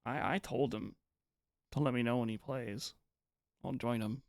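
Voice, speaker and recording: A man's voice: medium pitch, unhurried, creaky, no echo, clean studio sound. A man streaming live, chatting casually with viewers in a rambling, hesitant way, often restarting his sentences. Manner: reads and answers chat messages.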